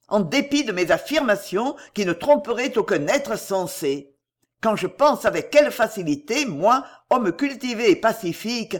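A reader voicing a grief-stricken, furious middle-aged man, passionate and trembling with indignation, in a storybook reading. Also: mid-range voice.

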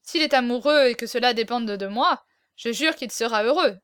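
A woman's voice: fairly high pitch, moderate pace, clear, resonant tone, no room sound, studio quality, lightly acted. A woman reading the part of a scheming, commanding nobleman prince, curt and imperious, in an audiobook. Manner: curt, imperious, louder than the narration.

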